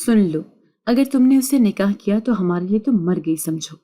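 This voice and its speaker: A woman voicing a harsh, stern older mother-in-law who scolds and threatens in a dark, louder voice. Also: mid-range voice, expressive, lightly acted. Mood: scolding.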